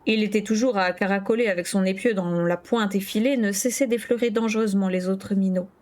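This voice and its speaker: A woman's voice: medium pitch, fairly even intonation, brisk, darkish tone. A woman reading a novel aloud on a stream, telling the story steadily with an occasional stumble. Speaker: book reader.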